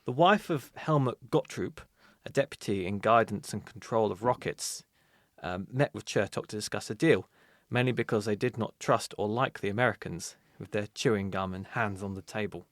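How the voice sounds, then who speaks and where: Low-voiced man narrating history. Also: normal speed, few pauses, no echo, studio quality. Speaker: podcast co-host. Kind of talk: reading history notes in casual podcast.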